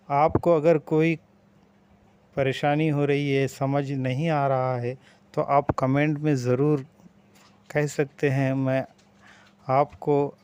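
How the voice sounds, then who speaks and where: Slow, patient man teaching vowels. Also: medium pitch, darkish tone, clear, resonant tone. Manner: patient, drawn-out vowel demonstrations. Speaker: language teacher. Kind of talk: slow spoken language lesson.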